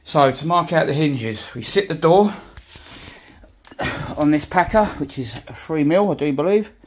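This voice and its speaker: A man's voice: on the high side, expressive, measured pace, darkish tone. Plain-spoken tradesman explaining a job. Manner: plain-spoken, talks while working, swears now and then. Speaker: joiner showing a build. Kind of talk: casual how-to narration. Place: indoors on a job site with stairs. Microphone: handheld phone.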